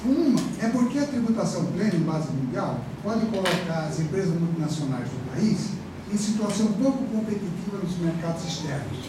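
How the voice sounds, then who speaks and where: Brisk and talkative, a Brazilian-accented professor rambles through a university lecture in a fairly high voice, leaning on fillers and tag questions. The recording catches him from a distance in a big, heavily echoing classroom over constant background noise.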